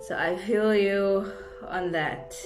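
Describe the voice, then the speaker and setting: Taking it slowly, a young South African woman with a medium-pitched voice and fairly even intonation chats casually with her viewers, gushing and rambling. Music runs underneath, and the indoor space sounds roomy and echoey.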